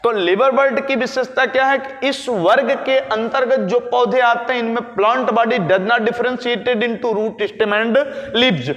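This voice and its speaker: A man's voice: extremely high pitch, steady tone, a bit bright, lo-fi sound. A male biology teacher giving a lecture, asking questions and then answering them himself. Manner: explains slowly, asks and answers his own questions. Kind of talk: classroom-style lecture. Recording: echoey room with long reverb.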